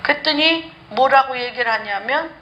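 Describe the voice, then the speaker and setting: A woman's voice: high-pitched, moderate pace, bright, forceful tone, dull audio, slight background noise. A woman pastor preaching a sermon with passion, acting out pleading prayers aloud. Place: church sanctuary.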